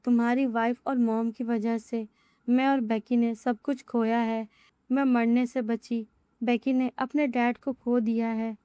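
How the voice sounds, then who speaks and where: A woman's voice: a little high, level tone, a little slow, mellow, clear, resonant tone, dry recording, natural voice. A woman voicing a young heroine who is cold, commanding and fiercely protective.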